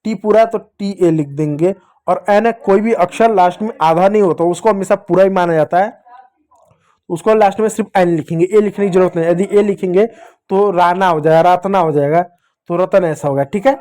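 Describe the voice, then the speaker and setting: Casting: high-pitched male teacher, patient and repetitive, talking to small kids. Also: brisk, mellow. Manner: patient, repetitive, asks questions and answers them himself. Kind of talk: classroom lesson for young children.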